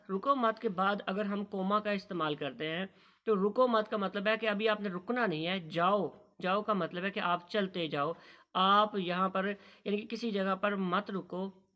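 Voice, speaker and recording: A man giving a recorded lesson on punctuation, reading English lines slowly and explaining them patiently. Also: sits high, a bit bright. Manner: slow, careful reading of English lines, then explaining in Urdu; addresses students as "beta". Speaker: teacher.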